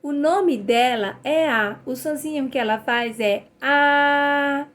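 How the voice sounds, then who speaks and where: A woman leads a children's phonics lesson. Her voice sits high, and she takes her time. She sounds out each letter and cheers the kids on. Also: slow, a bit bright. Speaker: literacy teacher.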